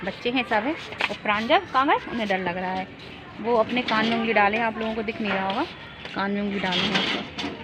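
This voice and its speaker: A tired woman, filming on a rooftop at night and narrating lively, encouraging commentary as she goes. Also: mid-range voice, fast. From Jhansi, India. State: tired from fasting. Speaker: family vlogger. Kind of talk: live commentary to camera. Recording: loud outdoor noise on phone. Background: firecrackers and neighbours.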